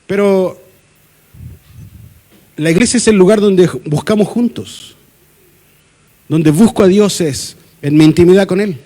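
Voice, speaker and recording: Chilean pastor guy preaching, kinda high voice, chatty and jokey, plays out little back-and-forths. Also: a little slow, long pauses, mellow. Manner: conversational preaching with acted-out dialogue and humor. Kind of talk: sermon. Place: church.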